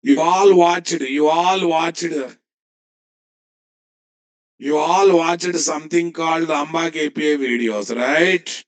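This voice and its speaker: A man's voice: fairly high pitch, slow pace, pauses often. A man with a Telugu Indian English accent giving a live coding lesson, dictating as he types and often repeating phrases and checking with students. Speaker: programming instructor.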